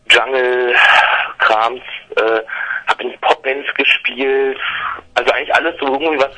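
A man in his thirties from Berlin, a singer-songwriter, talking casually and haltingly with many fillers over a phone line. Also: medium pitch, pushed and bright. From Berlin, Germany. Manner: hesitant, many fillers and restarts. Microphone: telephone line. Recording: phone line into radio studio.

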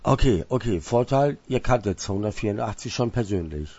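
A man's voice: on the low side, expressive, a little fast, warm tone, slightly rough, no echo, lo-fi sound. Stammering casual male radio host. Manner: stammers and repeats words while searching. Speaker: radio interviewer.

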